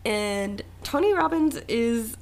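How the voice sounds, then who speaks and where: A young woman co-hosting a podcast, chatting casually, animated and laughing often. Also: a little high, slow pace, vocal fry. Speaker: podcast co-host.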